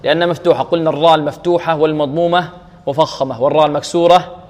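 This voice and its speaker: Man, recitation teacher, fairly high voice, slow syllable drills, chanted examples, asks and answers himself, long reverb. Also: steady tone, darkish tone. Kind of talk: tajweed lesson with drills.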